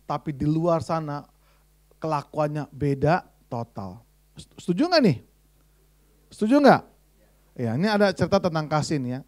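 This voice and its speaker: High-voiced, chatty man preaching. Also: lively intonation, normal speed, pauses often, darkish tone. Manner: chatty, teasing, asks the congregation questions. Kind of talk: sermon with humorous anecdotes.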